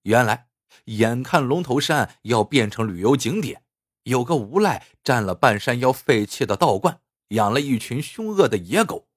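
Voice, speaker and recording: A man narrating a scripted story in an expressive, animated way. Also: medium pitch, slightly rough, no echo, clean studio sound.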